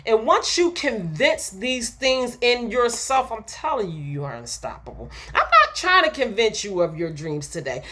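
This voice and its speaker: A woman giving an emphatic, repetitive motivational sermon that builds to excited peaks. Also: a little high, normal speed, few pauses, noisy background. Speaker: preacher.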